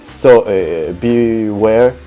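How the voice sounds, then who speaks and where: A man with a Japanese accent, chatting as a guest in an interview, hesitant with many fillers and quick to laugh. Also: on the low side, warm tone, soft background music. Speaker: guest YouTuber. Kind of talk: casual interview chat.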